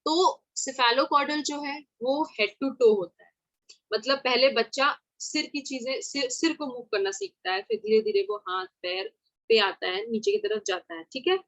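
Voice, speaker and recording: A woman leads a relaxed exam-prep lesson in a fairly high voice. She chats informally, drops in English terms and spells words out letter by letter. The sound is dry and close, with almost no room echo. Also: a little slow. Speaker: teacher. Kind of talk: online exam-prep lecture.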